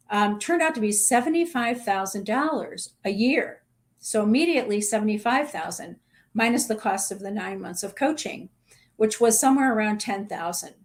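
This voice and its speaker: A woman's voice: fairly high pitch, darkish tone. A middle-aged woman executive coach talking directly to other coaches in a short advice video, earnest and plain-spoken. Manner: earnest, direct, conversational with small restarts.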